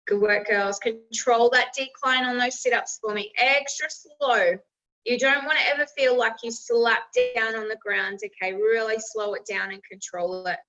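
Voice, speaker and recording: High, bright-voiced woman coaching a workout. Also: steady tone, moderate pace, hardly any pauses. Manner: encouraging, instructional. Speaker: group fitness instructor. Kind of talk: live workout coaching with encouraging cues. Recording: roomy, distant mic, slightly dull.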